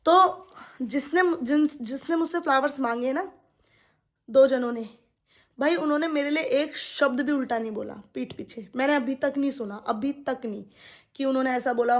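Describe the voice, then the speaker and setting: A young woman venting to her viewers in a casual monologue. She sounds indignant, repeats herself and speaks to them directly. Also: sits high. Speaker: vlogger.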